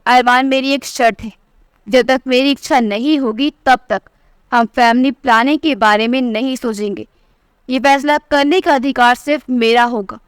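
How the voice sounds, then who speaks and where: A proud, defiant young wife with a sharp, cutting way of speaking, as a woman storyteller puts her on. The voice sits high and sounds smooth and clear. It is recorded dry and close. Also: moderate pace, dry recording, natural voice. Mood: resentful. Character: proud angry young married daughter. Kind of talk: storybook narration.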